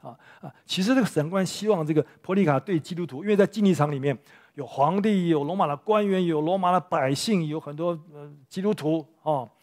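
A pastor preaching a sermon in church, telling a story with rhetorical questions to the congregation. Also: male voice, fairly high pitch, a little fast.

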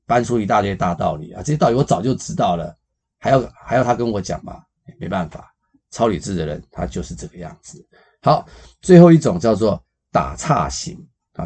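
A man's voice: low voice, breathy edge. A man, hosting a psychology podcast and explaining with everyday examples. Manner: animated, gives everyday examples, many fillers.

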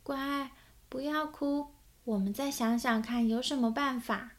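一位女性扮演一位温柔的母亲，说话轻柔哄劝。. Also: female voice, sits high, measured pace, pitched above the performer's own voice. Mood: soothing. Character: gentle, caring mother.

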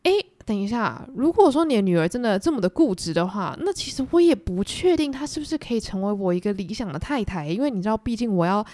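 A woman voicing a pompous, self-satisfied male clergyman suitor, talking in a smug, condescending, drawn-out way. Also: medium pitch, animated, warm tone, no room sound, close to an everyday voice.

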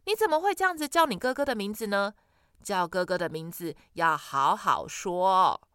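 A fussy, fretful storybook mother who scolds with a lively, sing-song lilt, as a woman puts her on. The voice is bright and clear in a dry, close recording. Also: moderate pace, no echo, close to an everyday voice. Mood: scolding. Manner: scolding, then high-pitched wailing.

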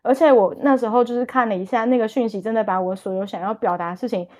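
Married lady chatting in an online room, kinda high voice, lots of little restarts. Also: fast talker, warm tone. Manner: chatty, tells anecdotes with hesitant restarts. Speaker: participant asking the teacher. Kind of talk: casual chat in an online audio room. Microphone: phone app in an online audio room.

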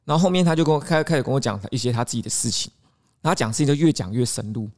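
A man with a Taiwanese Mandarin accent, co-hosting a podcast with an easy, chatty delivery. He tells his story quickly and often breaks into laughter. His voice sits at a middle pitch. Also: expressive, darkish tone. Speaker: podcast co-host. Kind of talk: casual chat, storytelling.

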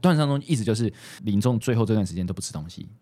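A man's voice: fairly low pitch, lively intonation, racing, dark tone, no room sound. A man with a Taiwanese accent speaking as a doctor guest in a casual podcast conversation, explaining his thoughts reflectively, step by step.

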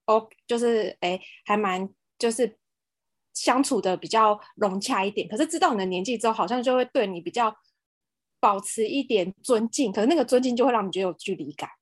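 A woman with a Taiwanese accent talks in casual podcast chat. Her voice sits fairly high and comes through dry, with little room sound. She has a self-mocking, mildly exasperated way of telling things. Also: fairly quick, no room sound. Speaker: podcast co-host.

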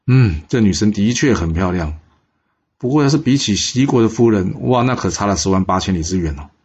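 A man voicing a sly, vengeful male lord of ancient times, flattering and scheming, with a husky voice on a dull recording. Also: lowish voice, fairly quick.

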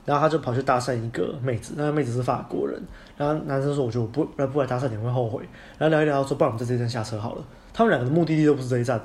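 A man with a Taiwanese Mandarin accent rattles through a story at a quick clip, casual and loose, dropping the odd swear word. His voice sits at an everyday pitch, with faint background noise underneath. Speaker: podcast co-host. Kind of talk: casual chat.

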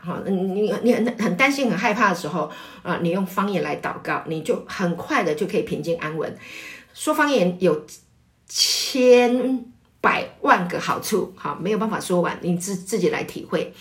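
A woman's voice: lowish voice, lively intonation, fairly quick. Woman preacher teaching with fervor. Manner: warm explanatory, frequent fillers, rises to loud fervent praise. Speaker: pastor's wife leading prayer. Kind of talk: sermon teaching. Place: church meeting, also online.

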